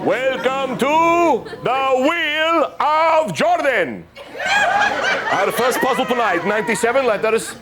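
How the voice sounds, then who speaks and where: A man's voice: extremely high pitch, expressive, over loud music, over a noisy crowd, pitched above the performer's own voice, full character voice. A man playing a male game-show host, drawing out each word in announcer style. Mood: grand. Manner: drawn-out announcer delivery.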